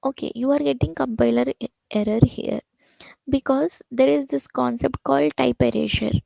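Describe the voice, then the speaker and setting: A woman with a high voice full of heavy vocal fry leads a programming lecture. She talks fast and circles back on herself with fillers, and the sound is dry and close, with no room around it. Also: fairly even intonation, warm tone, no echo, poor audio. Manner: explains with many restarts and "basically", "like" fillers. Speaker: programming instructor.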